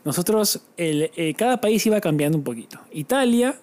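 A man co-hosting a relaxed podcast conversation. His voice sits a little high yet sounds mellow and soft-edged. He tells stories with lively energy and slips into playful imitations of foreign speech. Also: moderate pace. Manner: animated storyteller, mimics foreign languages. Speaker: podcast co-host. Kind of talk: casual chat.

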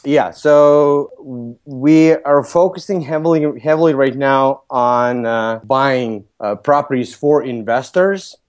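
Lithuanian man in his thirties, mid-pitched, plain businesslike interview guest. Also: slow pace, hardly any pauses, darkish tone, clean tone. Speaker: podcast guest, real estate broker. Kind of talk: interview answers.

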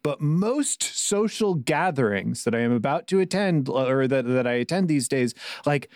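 Man, tabletop player, unhurried, thoughtful fillers, dry sound. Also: mid-range voice, animated, darkish tone, no echo. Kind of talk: casual chat.

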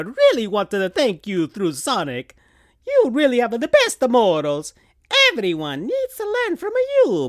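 A man voicing a male school principal in a put-on cartoon Italian accent, strained and hoarse. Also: fairly bright tone, no echo, clean studio sound, exaggerated voice. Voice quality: strained high nasal put-on voice. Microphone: big studio mic.

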